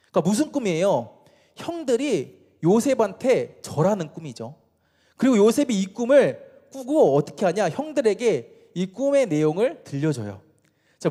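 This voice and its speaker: A man's voice: sits high, mellow. A man preaching a sermon to teenagers as a youth pastor, casual and playful, often quizzing his listeners and acting out what people say. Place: church worship hall. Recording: long church hall reverb.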